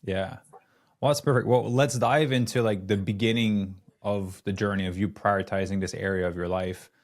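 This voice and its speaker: This is a male podcast host who works as a fitness coach. His voice sits slightly low. He speaks in an upbeat, affirming way, keeping the conversation casual. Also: steady tone, normal speed. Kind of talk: casual interview hosting.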